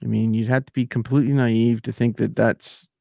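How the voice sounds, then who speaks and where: A man talks to his livestream viewers in a rambling, heated way, circling back and restarting his sentences. His voice is gravelly and dark, and the sound is dry and close with no room around it. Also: mid-range voice, flat delivery, fairly quick, no echo. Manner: ranting, repetitive, trailing off. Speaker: livestream host.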